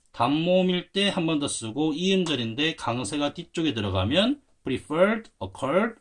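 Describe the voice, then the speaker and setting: A man's voice: mid-range voice, fairly bright tone. A man teaching English grammar to Korean learners, explaining patiently at a board and spelling words out letter by letter. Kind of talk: explaining at a whiteboard.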